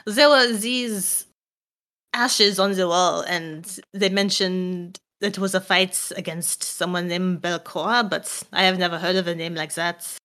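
A woman's voice: lowish voice, steady tone, measured pace, pushed and bright. A woman voicing a polite, formal adventurer who drops French words into slightly broken English. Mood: thoughtful.

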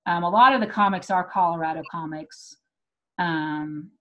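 Thinking aloud with some hesitation, this American-accented woman from Texas, a comedian who also produces comedy shows, keeps the chat casual. Her fairly low voice sounds pushed and bright at a moderate pace, on a lo-fi recording.

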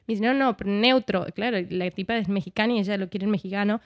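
Here a guest, an Argentine actress, chats in a casual conversation using a fast, mid-range voice. She frequently caps her thoughts with "¿no?" and slips between accents. No room sound can be heard.

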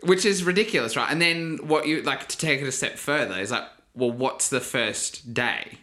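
A young man co-hosting a podcast, telling funny stories in a casual, animated way and laughing often. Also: medium pitch, moderate pace. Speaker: podcast co-host. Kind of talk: casual chat.

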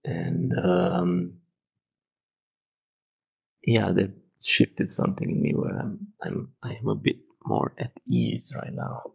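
A man hosting a casual interview podcast, speaking slowly and softly in a reflective way. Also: low-pitched, steady tone, gravelly, breathy edge. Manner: slow, soft, reflective, gentle laughs. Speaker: podcast host. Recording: muffled lo-fi recording.

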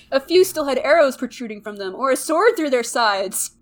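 A woman's voice: high-pitched, lively intonation, moderate pace, slight background noise. A young woman reading an old story aloud in a mock-dramatic way, breaking into giggles.

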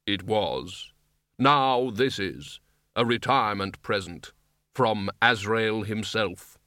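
A man voicing Death, an ancient, solemn and literal male reaper, speaking slowly and gravely in an audiobook reading. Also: fairly low pitch, pushed and bright, dry recording, clean studio sound. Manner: slow, measured, grave delivery.

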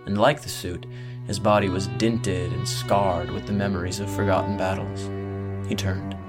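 Man with a lowish voice reading a dark fantasy audiobook, music playing underneath. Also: little pitch movement, moderate pace. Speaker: narrator. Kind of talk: scripted audiobook narration.

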